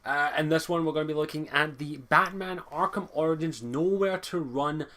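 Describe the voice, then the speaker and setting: A man's voice: on the high side, normal speed, sharp tone. A young man giving a chatty, rambling commentary on a game trailer from his computer at home, swearing casually as he talks. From Scotland. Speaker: gaming video host.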